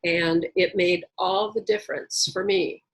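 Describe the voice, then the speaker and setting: A woman's voice: fairly low pitch, steady tone, a little slow, poor audio. A middle-aged woman giving a reflective motivational talk on a video call, with wordplay and humor. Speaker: speaker.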